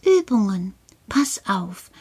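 A woman voicing a cheerful little male creature living in an earth cave, speaking slowly and patiently and often dropping to a whisper. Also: mid-range voice, big pitch swings, warm tone, husky, full character voice. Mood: patient coaching.

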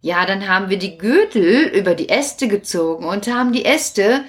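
A woman voicing a cheeky, excitable puppet jester boy in a children's story. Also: mid-range voice, moderate pace, lightly acted. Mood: excited. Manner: bright eager storytelling.

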